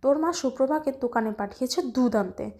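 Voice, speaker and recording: A woman's voice: high-pitched, brisk, darkish tone. A woman voicing a stern middle-aged father who scolds sharply in a narrated story. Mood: scolding. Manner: scolding, clipped.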